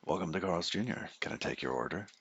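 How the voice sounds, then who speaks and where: A man putting on his old drive-thru speaker voice as a polite fast-food order taker. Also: sits low, animated, fairly bright tone, breathy edge, lo-fi sound, exaggerated voice. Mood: courteous. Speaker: programmer streaming his coding.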